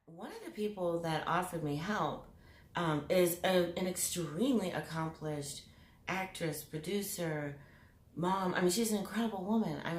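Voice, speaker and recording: A woman's voice: sits low, a little hiss or hum. A woman hosting her own vlog, chatting to camera in a giggly, rambling way that drifts into tangents. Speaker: vlogger and channel host. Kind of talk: casual chat to camera. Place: room with mirrors. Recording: echoey room.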